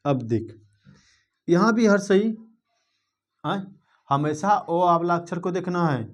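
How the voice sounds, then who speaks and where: A young man teaches a blackboard grammar lesson. His voice sits fairly high, and he talks to the students informally, pausing often to check that they have understood. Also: expressive. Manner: informal, addresses students directly with quick check-ins.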